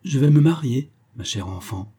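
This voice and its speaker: A man's voice: medium pitch, expressive, normal speed, mellow, breathy edge, voice pushed up. A man voicing a frail, worried father who pleads tenderly with his daughter, in a read-aloud novel.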